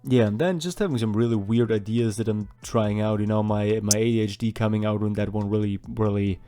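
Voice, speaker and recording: Faint music plays under a casual drawing voice-over from a young Austrian artist vlogger who grew up speaking German. His low, soft, mellow voice runs a little fast as he rambles and chats, teasing himself along the way.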